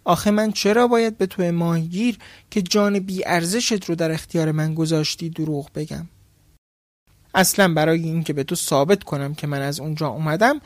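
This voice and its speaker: A man's voice: a little high, dry recording. A man voicing a huge boastful male demon from a jar, threatening and angry, later pleading.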